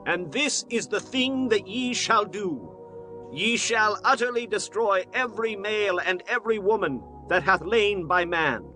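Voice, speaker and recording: A man's voice: sits high, animated, measured pace, sharp tone, soft background music, full character voice, poor audio. A man playing a solemn leader of the ancient Israelite congregation in a dramatized Bible audiobook, declaiming weightily. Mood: commanding. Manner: declamatory, weighty, archaic biblical phrasing. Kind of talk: dramatized scripture reading.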